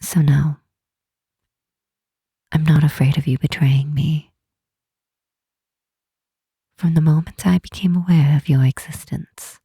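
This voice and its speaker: Speaking close and intimately to the listener, a woman plays a gentle, earnest, protective demon queen of great power in an ASMR roleplay monologue. Her voice is low, dark and mellow, very breathy and half-whispered, moving slowly, tenderly and solemnly with deliberate pauses. There's no echo, and the voice is exaggerated.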